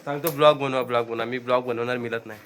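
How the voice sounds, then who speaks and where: A man's voice: mid-range voice, steady tone, quick pace, a crowd in the background. A man talking playfully to viewers in a casual vlog, pointing things out one after another. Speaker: vlogger showing birthday preparations.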